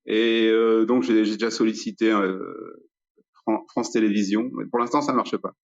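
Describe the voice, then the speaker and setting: Dull lo-fi recording, man answering haltingly. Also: lowish voice, flat delivery. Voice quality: does not pronounce his Rs. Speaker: interview guest, speaker and actor. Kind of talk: casual interview answers.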